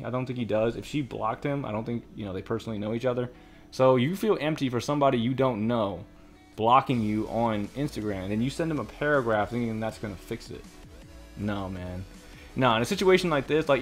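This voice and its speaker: A young man reading comments aloud and ranting about them in casual commentary, exasperated and lecturing, often repeating himself. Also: mid-range voice.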